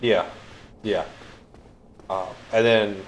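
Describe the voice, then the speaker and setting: Laid-back, tipsy man, lowish voice. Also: steady tone, extremely slow, slight background noise. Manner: rambling, laid-back, with dry jokes. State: tipsy from drinking. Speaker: co-host on a let's play. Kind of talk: casual gaming chat.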